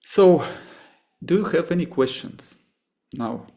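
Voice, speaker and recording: A man from Russia with a Russian accent, a meditation teacher answering questions after a session, halting and often restarting as he searches for words. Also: on the high side, expressive, creaky, warm tone.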